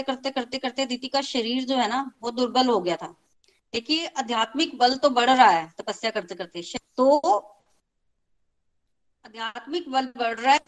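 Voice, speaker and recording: A woman with a high voice tells an old scripture story in an easy, conversational way. She repeats phrases for emphasis and talks straight to her listeners. Now and then she slips English words into her telling. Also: fairly bright tone, poor audio.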